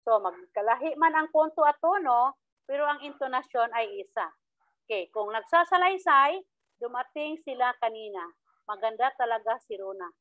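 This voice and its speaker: High-voiced woman teacher, tinny and dry. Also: no room sound. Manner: explains step by step, acting out sample lines with rising tones. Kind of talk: classroom lecture. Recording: tinny phone-like dry sound.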